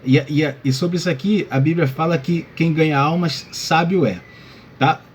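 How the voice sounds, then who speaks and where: This man's voice runs on the high side, with fairly even intonation and a moderate pace, over slight background noise. He's a pastor teaching a Bible lesson casually, calling listeners brother and sprinkling in check-ins and fillers like "tá?" and "né?".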